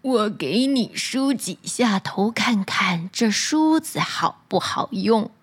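A woman's voice: lively intonation, breathy edge. A woman voicing a wicked queen disguised as an old crone who peddles a poisoned comb in a storybook. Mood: coaxing. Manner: slow, coaxing, low.

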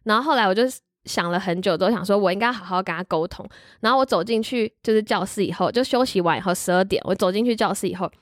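A young woman co-hosting a casual chat podcast, a teacher telling animated stories and acting out what was said. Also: medium pitch, fast, dry recording, clean studio sound. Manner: animated storytelling, acts out quotes.

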